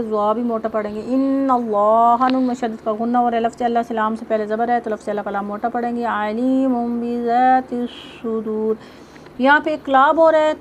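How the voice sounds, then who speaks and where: A woman teaching tajweed, explaining each rule step by step and reciting verses slowly in a drawn-out melodic voice. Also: a little high, darkish tone, highs cut off, slight background noise.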